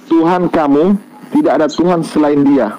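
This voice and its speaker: A man hosting a heated debate, insistent and interrupting, reading verses slowly and emphatically. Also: fairly high pitch, fairly even intonation, muffled recording.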